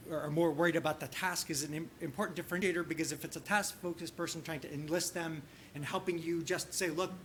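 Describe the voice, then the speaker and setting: Halting, higher-voiced man presenting a workshop. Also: fairly bright tone, a little hiss or hum. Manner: halting, heavy use of "you know" and restarts. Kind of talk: conference teaching session with case discussion.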